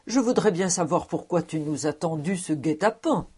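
A woman's voice: lowish voice, animated, normal speed, a little mellow, husky. A woman reading the lines of a stout, pompous middle-aged male tax collector in a storybook, with exclaiming indignation. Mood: indignant.

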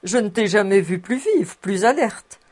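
A woman voicing a bashful, eager middle-aged bachelor who is easily flattered. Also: mid-range voice, moderate pace, voice pushed up, lightly acted.

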